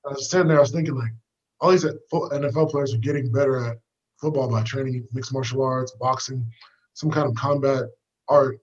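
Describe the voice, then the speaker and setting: A man's voice: medium pitch, steady tone, fairly quick, dull audio. A young man from the United States, a fighter guest, talking about his past in an easygoing, rambling way with lots of fillers while out on a walk. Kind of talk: casual storytelling interview. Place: walking outdoors.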